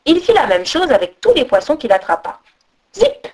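A woman reading a folk tale aloud as storyteller, expressive, with sung-out sound effects. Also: high voice, a little fast, husky. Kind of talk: storybook narration.

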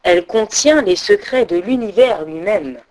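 A woman's voice: mid-range voice, expressive, moderate pace, a little mellow, natural voice, rough recording. A woman voicing an ugly, gnarled male guardian god who speaks sternly. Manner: refusing, stern.

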